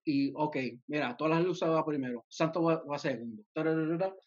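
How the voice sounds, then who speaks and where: Husky young guy on a lo-fi call. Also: fairly high pitch, moderate pace. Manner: mixes English phrases into Spanish, many restarts. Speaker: music producer guest. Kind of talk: casual interview over video call. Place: home room, indoors. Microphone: headset on a video call. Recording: dull lo-fi video call audio.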